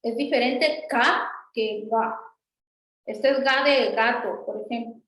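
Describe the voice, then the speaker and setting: A woman's voice: on the high side, steady tone, slow, fairly bright tone, echoey room, poor audio. A woman teaching an introductory language class, patiently repeating example words. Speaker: Sanskrit teacher. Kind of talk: online class explanation.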